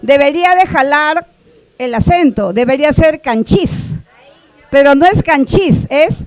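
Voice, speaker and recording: A woman teaching a workshop class, who keeps checking in with the listeners and repeats example words slowly. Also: sits high, animated, no echo, rough recording. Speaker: workshop instructor. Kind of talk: classroom explanation.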